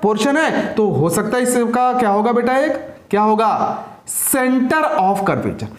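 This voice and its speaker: In an echoey room, a male science teacher with a very high voice lectures his class at a slow pace but in a very animated way. He fires questions at the students, repeats each answer back and calls them "beta" as he hammers home every point.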